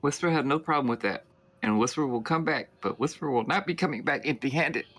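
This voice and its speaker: A man voicing a greedy male sneak who always speaks of himself in the third person, at his usual middle pitch. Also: a little fast, fairly bright tone, husky. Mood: candid.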